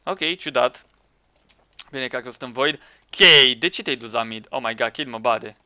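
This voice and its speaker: A man commenting on a Minecraft match with friends, excitable, shouting at teammates and laughing. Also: medium pitch, clean tone, no room sound. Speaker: gaming YouTuber.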